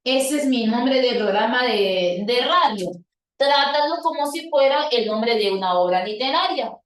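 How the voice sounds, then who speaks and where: A woman's voice: fairly high pitch, lively intonation, measured pace, far from the mic. Woman teacher in an echoey room. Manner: explains step by step, quizzing students with questions. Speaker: language teacher. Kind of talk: classroom grammar lesson.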